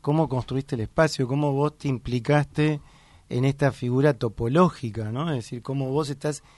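A man's voice: mid-range voice, normal speed, darkish tone, no room sound. A man, a thoughtful interviewer asking reflective questions. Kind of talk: reflective conversation.

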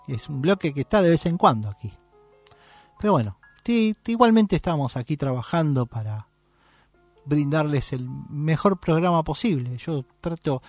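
A man hosting a radio program, patiently teaching music scales to listeners and checking that they follow along. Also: medium pitch.

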